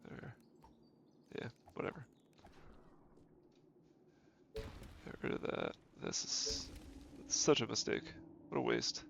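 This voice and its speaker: A man streaming a game offers casual, easygoing commentary, reasoning aloud and correcting himself despite a cold-blocked nose. His voice is medium-pitched, steady, measured, creaky and fairly bright, with slight background noise, faint game music and dull lo-fi stream sound.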